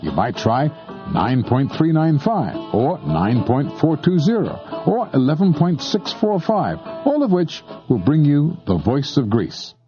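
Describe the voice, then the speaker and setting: This narrator of an instructional tape on shortwave listening has a fairly high, warm, very animated voice and an unhurried pace. Soft music plays behind him on dull audio. He reads his scripted explanation conversationally, speaking straight to the listener.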